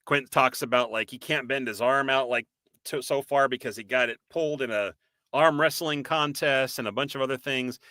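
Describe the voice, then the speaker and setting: Lively man with a Boston accent. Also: mid-range voice, normal speed, no echo. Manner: animated, reads out viewer comments, laughs often. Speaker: podcast co-host. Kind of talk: casual live-stream chat.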